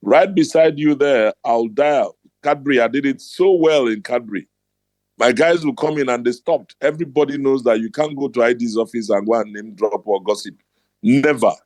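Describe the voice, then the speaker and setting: A man's voice: medium pitch, moderate pace, darkish tone, no echo. A middle-aged man with a Nigerian accent, hosting a motivational talk and telling his stories bluntly and emphatically. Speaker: host.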